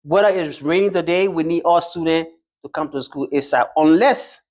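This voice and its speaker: A man's voice: on the high side, normal speed. A man from Liberia answering interview questions as a truck driving school graduate, hesitant, with many fillers and restarts.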